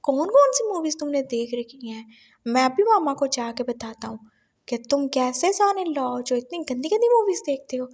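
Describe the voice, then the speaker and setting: A woman's voice: high-pitched, sing-song, moderate pace. A woman voicing a drunk, childish young husband who whines and pleads like a little boy. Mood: scolding. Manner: whiny, babyish pleading.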